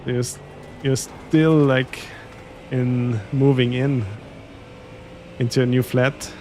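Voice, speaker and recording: Man, Austrian German accent, slow easygoing streamer chat, faint background hiss. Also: mid-range voice, flat delivery, darkish tone. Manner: easygoing, chuckles often while chatting. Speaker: sim racing streamer. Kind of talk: casual live-stream chat.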